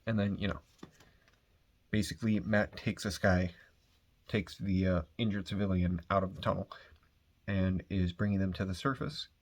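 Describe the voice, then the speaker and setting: Man, low-pitched, husky, casual comic recap, rambling, drops fillers and swears. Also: moderate pace, long pauses. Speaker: comic book reviewer.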